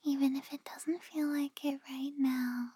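A woman playing a tender, reassuring partner in a whispered role-play, speaking gently and close in the listener's ear as if lulling a loved one to sleep. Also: high-pitched, fairly even intonation, dry recording. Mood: soothing, lulling. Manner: slow, gentle, soothing.

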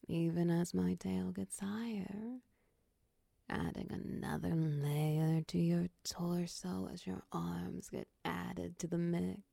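A woman voicing a motherly, possessive snake-tailed woman in a soft, close, whispered ASMR roleplay, coaxing and soothing. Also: on the low side, steady tone, takes it slowly, dry recording, full character voice. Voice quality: breathy whisper.

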